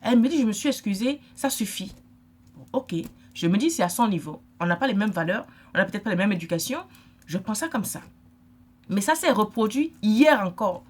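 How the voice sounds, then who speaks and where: A woman's voice: mid-range voice, animated, brisk, slightly rough. A middle-aged woman from Africa, giving an emphatic, lecturing vlog monologue and repeating her points. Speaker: vlogger.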